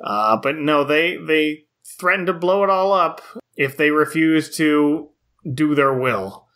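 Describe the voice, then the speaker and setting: A man with a fairly high, bright voice co-hosts a podcast. He recaps a film casually, with wry, joking asides. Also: takes it slowly. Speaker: podcast co-host.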